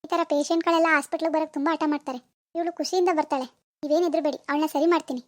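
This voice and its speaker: A calm cartoon doctor explains things patiently and reassures the worried parents, voiced by a woman. The voice is very high and brisk. The recording is dry and close. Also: no echo, close to an everyday voice. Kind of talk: Kannada cartoon voice acting.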